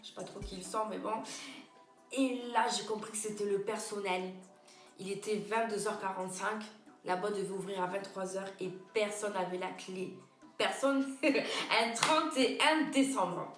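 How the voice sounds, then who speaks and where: A young woman vlogger telling a story in a chatty, slangy way, bursting into loud, indignant quotes. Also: mid-range voice, moderate pace, reverberant, soft background music. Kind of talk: casual storytime to camera.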